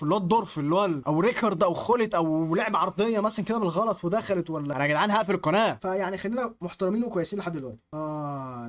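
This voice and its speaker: A young man with an Egyptian Arabic accent, giving live gameplay commentary, excitable, chanting at the screen and muttering to calm himself. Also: sits high. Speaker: gaming YouTuber.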